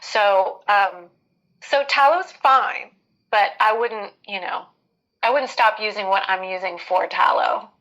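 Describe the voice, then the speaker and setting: A woman's voice: mid-range voice, slow, fairly bright tone, poor audio. A woman hosting a casual live skincare Q&A, giving advice in a conversational, hesitant way as she thinks aloud.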